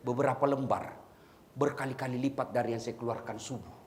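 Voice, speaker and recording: This Makassar-accented preacher, a middle-aged man, talks at medium pitch with fairly even intonation and a brisk pace. His sermon is humorous and anecdotal, addressing people as "Pak," with slight noise in the background.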